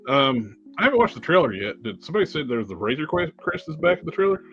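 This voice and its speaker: A man co-hosting a casual chat who often pauses and restarts while looking for words. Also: a little high, big pitch swings, fairly bright tone. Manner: halting, searching for words. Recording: dull lo-fi sound with faint music.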